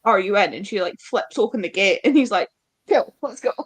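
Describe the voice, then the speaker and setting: A woman co-hosts a live book club show, chatting informally about books and acting out snippets of quoted dialogue as she retells them. Her medium-pitched voice is expressive and brisk.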